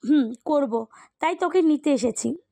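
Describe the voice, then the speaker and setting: A woman voicing a lively, teasing young woman in an audio love story. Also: sits high, unhurried, gravelly, no room sound. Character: teasing young woman, the heroine's friendly cousin.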